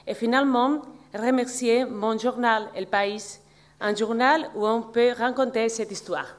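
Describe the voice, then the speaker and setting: A native Spanish-speaking woman with a Spanish accent in French, giving an acceptance speech in simple, halting non-native phrases. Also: fairly high pitch, steady tone. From Spain. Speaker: journalist accepting an award.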